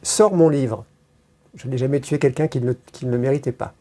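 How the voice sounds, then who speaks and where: A woman's voice: rumbling low, a little fast, warm tone. A woman being interviewed, telling stories in a rambling casual way, with many hesitations and crude slang. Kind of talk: casual storytelling.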